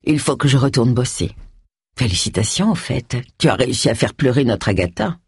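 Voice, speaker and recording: Narrator doing a low, steady male colleague. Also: slightly rough, no echo, clean studio sound. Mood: calm. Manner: low, measured, blunt.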